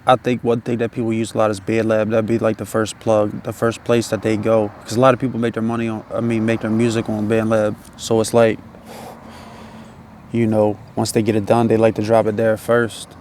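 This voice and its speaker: A man's voice: lowish voice, monotone, a little fast, a little mellow, a little hiss or hum. A man chatting casually in a loose, laid-back stoner drawl, rambling with slang and swearing. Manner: slangy, swearing, repeats tag phrases. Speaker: independent music artist.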